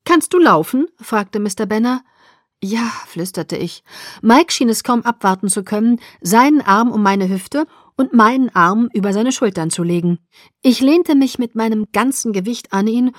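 A woman narrating an audiobook in the first person, expressive and soft in places. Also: mid-range voice, no room sound, studio quality.

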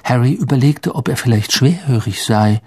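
A man narrating an audiobook with slow, expressive storytelling. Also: medium pitch, slightly rough, no room sound, clean studio sound.

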